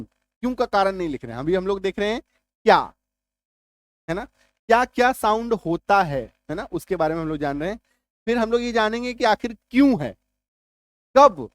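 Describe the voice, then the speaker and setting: A man's voice: high-pitched, no room sound. Patient male teacher drilling sounds. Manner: patient, repeats points and often checks if listeners follow; drills sounds by saying them slowly and repeating them. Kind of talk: explanatory classroom-style lesson.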